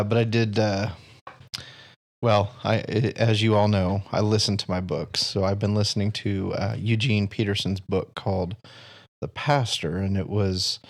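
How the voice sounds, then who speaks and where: Deep-ish guy cohost, laid back, lots of ums while he thinks. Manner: relaxed, hesitant, many pauses and fillers. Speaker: podcast co-host. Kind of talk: casual chat.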